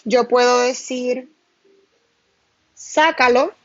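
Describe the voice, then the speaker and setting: A woman teacher giving a recorded grammar lesson, stressing each syllable slowly and deliberately. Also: a little high, fairly even intonation, no room sound, muffled recording, faint music behind.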